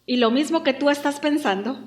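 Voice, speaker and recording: A woman pastor preaching a lively, humorous sermon. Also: high voice, fairly quick, roomy sound, a little hiss or hum. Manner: lively, humorous, acts out quotes.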